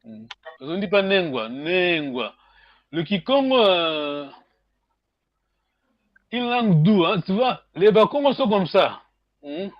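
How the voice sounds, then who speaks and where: A man teaching a language class online, questioning his students, with slow speech and many hums. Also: high-pitched, sing-song, no echo, highs cut off. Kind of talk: online group lesson.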